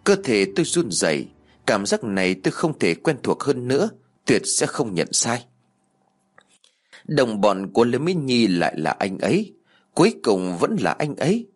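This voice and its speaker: A man narrating a serialized audiobook in a steady storytelling manner. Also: medium pitch, normal speed, slightly rough.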